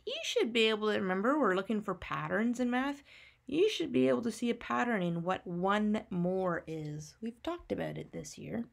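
A woman's voice: medium pitch, lively intonation, moderate pace, gravelly. A woman teacher narrating a maths lesson for young children, patiently teaching a child to count step by step with simple questions and answers.

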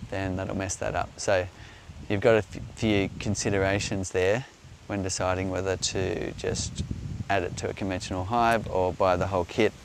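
A middle-aged Australian man gives an unscripted explanation in a halting, measured way. His voice is on the low side and very even in pitch. He is outdoors, with loud noise behind him. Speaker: beekeeper, presenter answering viewer questions. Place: outdoors on an open grassy hillside.

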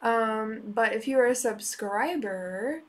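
High-voiced woman, unhurried stream chat. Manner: relaxed and unhurried, with frequent "um" pauses. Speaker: live-stream musician taking song requests. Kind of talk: casual live-stream chat.

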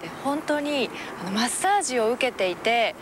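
A woman's voice: fairly high pitch, lively intonation, moderate pace, background noise. A woman recounting an experience in a conversational way. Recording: music behind the voice.

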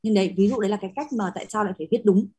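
Speaking very fast in a warm, slightly rough medium-pitched voice, a young female teacher walks her class through Latin spelling. Her classroom manner is patient, full of filler words and frequent questions to make sure everyone keeps up.

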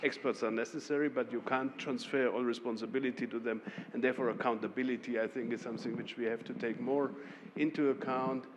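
A man with a German accent, a member of parliament speaking on a panel in a measured way, with short laughs and restarts. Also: medium pitch, steady tone, background noise. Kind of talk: panel discussion. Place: conference hall. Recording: reverberant hall with faint ambience.

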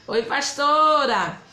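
A woman from Bahia with a high, pushed, bright voice and a Bahian Brazilian Portuguese accent hosts a casual live craft demo. She chats away, greeting viewers by name and reading their comments aloud, and the room gives a roomy echo.

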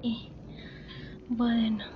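In a muffled recording, a woman with a slightly high voice and little pitch movement draws out her words. She's a gaming channel host giving casual horror game commentary, murmuring to herself and adding English interjections, with game ambience and sounds making it clearly noisy.

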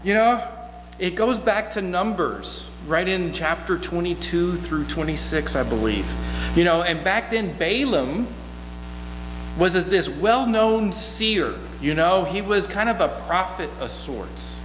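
A middle-aged guest preacher gives an informal, story-driven sermon from the pulpit, folksy and conversational with animated asides. His high voice is unhurried, with faint music behind him. Through a gooseneck mic, the hall sounds echoey with long reverb and mains hum.

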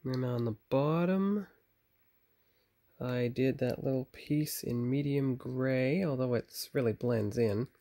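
Gravelly man chatting at a hobby bench. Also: mid-range voice, slow pace, dark tone. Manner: chatty, self-correcting, talks to viewers while working. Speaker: model builder and channel host. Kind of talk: casual hobby tutorial, thinking aloud. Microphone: phone camera on a tripod.

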